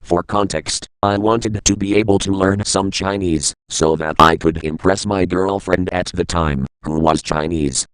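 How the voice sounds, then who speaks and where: A man narrates an internet horror story in a low-pitched voice. The recording is dry and close, with no room sound around his scripted storytelling. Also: steady tone, measured pace, few pauses, fairly bright tone, clear, resonant tone, no echo, rough recording. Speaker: creepypasta narrator.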